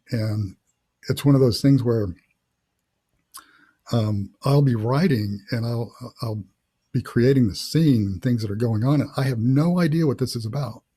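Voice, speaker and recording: A middle-aged man, an author acting as host, runs a casual interview over a video call. His medium-pitched voice is mellow with a breathy edge, and he thinks aloud using many fillers.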